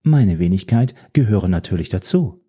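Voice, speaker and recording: A man's voice: sits low, lively intonation, moderate pace, dark tone, breathy edge. A man voicing a prim, old-fashioned female digital assistant who talks in a polite, formal and slightly fussy way.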